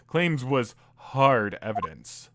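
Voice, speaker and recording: A man's voice: medium pitch, sing-song, slow, very noisy, pitched below the performer's own voice. A man voicing a cool, mocking male prosecutor who questions sharply, with game music behind. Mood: cold.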